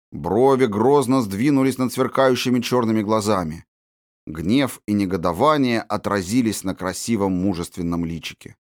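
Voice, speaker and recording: A man narrating a storybook in a measured, descriptive reading. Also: on the low side, a little mellow, no echo, studio quality. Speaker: audiobook narrator.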